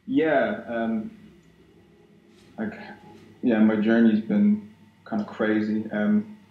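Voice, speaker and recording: Soft-spoken young man on a webcam. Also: lowish voice, level tone, slow. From Ireland. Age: young adult. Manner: hesitant, many restarts and fillers. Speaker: guest concept artist. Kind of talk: casual interview chat. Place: small room at home, indoors. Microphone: video call webcam. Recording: dull roomy webcam audio with faint noise.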